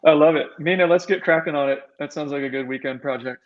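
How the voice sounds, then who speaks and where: A man's voice: a little high, fast talker, dull audio. A man appearing as a guest on a tech podcast, chatting in an easygoing, enthusiastic way. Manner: enthusiastic, easygoing, laughs often. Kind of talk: casual tech chat.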